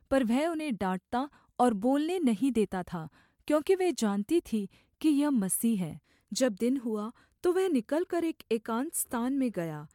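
A woman reading scripture aloud as scripted narration, formal and measured, dropping her voice at the end of each sentence. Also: a little high, dark tone, no room sound, studio quality. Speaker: scripture reader.

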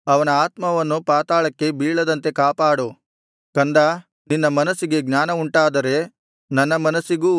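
Man reading scripture slow and solemn, smooth resonant voice, kinda high. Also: no echo, clean studio sound. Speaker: scripture reader.

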